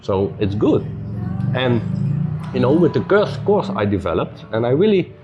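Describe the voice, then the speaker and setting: A man telling stories as a podcast guest in loose, non-native English with many "you know"s, relaxed and upbeat. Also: medium pitch, normal speed, lo-fi sound, over music. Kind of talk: casual storytelling conversation.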